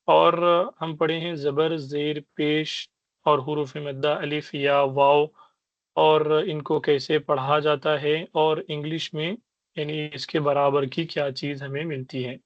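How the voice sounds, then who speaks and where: A man teaching a beginners' Arabic class, explaining patiently and sounding out letters and vowels slowly. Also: a little high, level tone, no room sound, highs cut off. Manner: patient explaining, repeats "ٹھیک ہے" to check understanding. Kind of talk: online language lesson.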